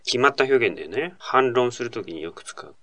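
A man's voice: medium pitch, lively intonation, brisk, sharp tone. A man hosting a Korean language lesson, explaining phrases patiently in Japanese.

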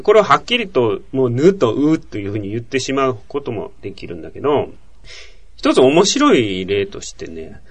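A man's voice: mid-range voice, dry recording. A man hosting a language podcast, explaining pronunciation in casual chat and acting out sounds aloud. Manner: lively, demonstrates sounds aloud. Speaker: host, chief editor of a Korean language podcast.

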